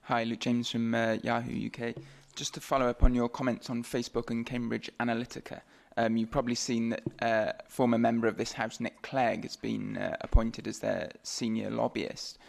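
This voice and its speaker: A man's voice: medium pitch, little pitch movement, moderate pace, gravelly. A man, a journalist asking a follow-up question at a press conference.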